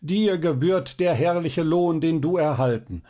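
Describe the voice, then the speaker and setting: Wanted: a male reader playing a frantic young student in a storybook, high-strung and loud. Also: measured pace, close to an everyday voice. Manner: agitated, pleading.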